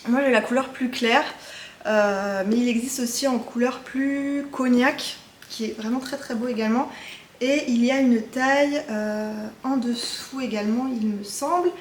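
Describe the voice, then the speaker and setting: Woman, casual vlogger, a bit high-pitched, chatty and hesitant, roomy echo on the recording. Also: unhurried, slight background noise. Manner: chatty, hesitant with frequent fillers. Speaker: knitting vlogger. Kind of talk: casual show-and-tell chat.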